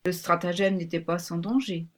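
A woman voicing a bossy, secretive male pink rabbit in a storybook, speaking in a brisk, commanding way. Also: lowish voice, fairly even intonation, natural voice.

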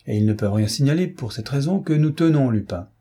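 A man's voice: medium pitch, animated, quick pace, mellow, breathy edge, voice pushed up. A man reading an audiobook voices a confident male official who speaks in a firm, insistent way. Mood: assured. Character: confident male official, reassuring and self-assured.

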